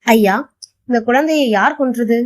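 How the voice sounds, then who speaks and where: A woman voicing a wise young male judge who questions gently and probingly. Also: fairly high pitch, a little slow, lightly acted.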